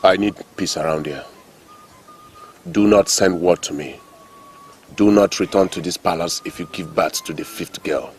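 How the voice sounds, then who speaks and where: A man's voice: low voice, moderate pace, pauses often, a little hiss or hum, lightly acted. A man with a Nigerian accent playing a stern, demanding king in a film drama, speaking in a commanding, declamatory way. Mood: stern, insistent. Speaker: actor.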